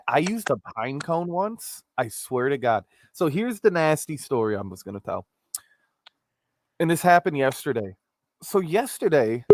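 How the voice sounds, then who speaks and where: A man hosting a casual comedic live-streamed chat, rambling and joking, with popping p sounds. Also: mid-range voice. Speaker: host of a live-streamed talk show. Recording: clicks and pops, faint background noise.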